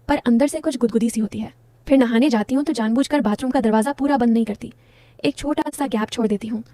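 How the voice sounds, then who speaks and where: Woman telling her story real close n personal, warm voice, kinda high, dry sound. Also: no echo. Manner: intimate, confiding, talks straight to listeners. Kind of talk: first-person story narration.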